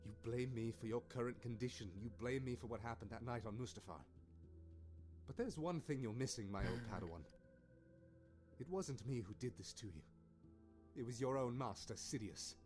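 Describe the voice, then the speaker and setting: A man voicing a calm, sorrowful older Jedi mentor who speaks softly to his former student. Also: medium pitch, moderate pace, pauses often, faint music behind, close to an everyday voice.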